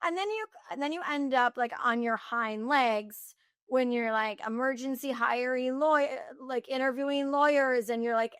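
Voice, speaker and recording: A woman who founded a company, talking candidly in an interview, fast and animated, with many restarts and "like.". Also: sits high, smooth, no room sound, clean studio sound. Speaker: founder and guest.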